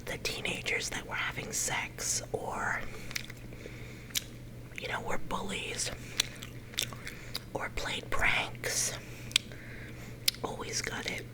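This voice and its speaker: A middle-aged woman leaning in to whisper a casual, unhurried ASMR chat, her whisper a little growly at times. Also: poor audio. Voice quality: whisper that turns slightly growly. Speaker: ASMR video creator.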